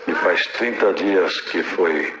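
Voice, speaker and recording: A man's voice: low voice, slow pace, reverberant, very noisy. An older man with a Brazilian Portuguese accent, a church elder telling a personal religious testimony in an earnest storytelling manner. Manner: earnest, storytelling, drops soft in prayer.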